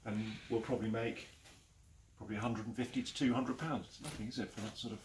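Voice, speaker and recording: With a lowish voice, fairly even intonation and a quick delivery, a forties English auctioneer gives a casual tour of a large, cluttered saleroom. He's chatty, enthusiastic and often chuckling as the handheld camera follows him, its walking mic picking up the noisy room.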